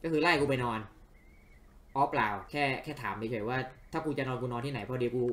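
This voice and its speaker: A man's voice: medium pitch, brisk, a bit bright. A man casually commentating a video game he is playing, joking and crude. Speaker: gaming channel host. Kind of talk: let's play commentary.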